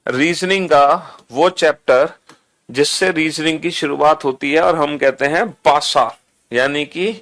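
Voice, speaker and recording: A man's voice: on the high side, a bit bright. A man teaching a reasoning lesson, repeating points and asking students questions that he answers himself. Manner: repetitive, quizzing, answers his own questions.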